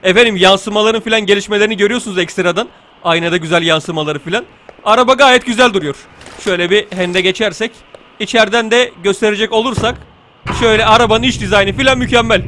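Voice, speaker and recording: High-voiced excitable gaming commentator man. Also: a little hiss or hum. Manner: excitable, jokey, bursts into shouts and laughs. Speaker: gaming YouTuber. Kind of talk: casual gameplay commentary.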